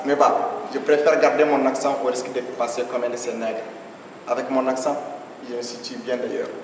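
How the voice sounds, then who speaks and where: A man's voice: mid-range voice, flat delivery, brisk, noisy background. A young man from Niger with a Nigerien French accent, performing slam poetry in a rhythmic, declamatory cadence on stage. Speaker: slam poet. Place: stage at an evening show. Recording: echoey hall from far off.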